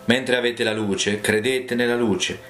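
A man reading the words of Jesus as a calm, earnest adult male teacher. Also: mid-range voice, unhurried, close to an everyday voice. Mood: solemn. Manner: solemn, earnest. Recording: roomy, with faint music.

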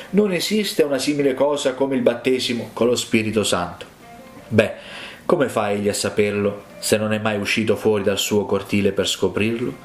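Male preacher, mid-pitched, emphatic sermon delivery, reverberant hall. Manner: emphatic, builds to raised high climaxes.

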